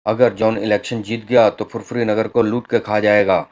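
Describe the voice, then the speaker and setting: Worried old cartoon mayor, read by a man, low and flat, anxious. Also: normal speed, natural voice. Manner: anxious grateful.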